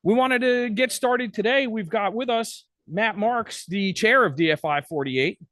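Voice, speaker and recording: A man hosting a live conference interview, relaxed and joking with frequent hesitations. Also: high voice, unhurried, dry recording. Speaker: host.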